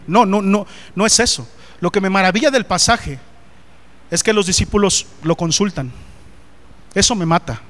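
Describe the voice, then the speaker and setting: A man preaching a sermon, animated and often putting questions straight to the congregation. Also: high voice.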